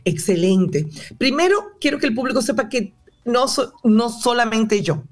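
A woman's voice: fairly high pitch, expressive, moderate pace, faint music behind. A woman theater director and drama teacher answering interview questions in a passionate, explanatory way.

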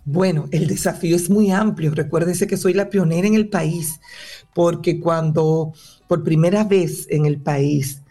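A woman's voice: on the low side, a little slow, mellow, soft background music. A woman theater director and drama teacher answering interview questions in a passionate, explanatory way.

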